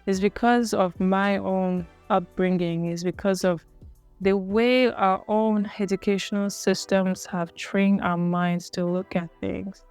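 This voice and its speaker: Young woman from Cameroon, vlogger, earnest reflective storytelling, clean resonant voice, soft music underneath. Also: mid-range voice, clear, resonant tone. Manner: earnest, musing, self-correcting.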